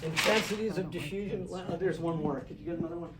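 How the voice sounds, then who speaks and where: A man's voice: a little high, fast talker. A man teaching film lighting in a hands-on workshop, talking in a loose, chatty way with asides and restarts. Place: studio classroom with a group. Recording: echoey room, distant, noisy ambience.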